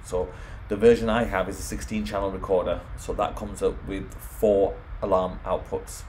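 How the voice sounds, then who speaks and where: A man gives an informal, step-by-step home automation tutorial as a software screen walkthrough. His low, darkish voice moves little in pitch and runs at normal speed, with a little hiss or hum.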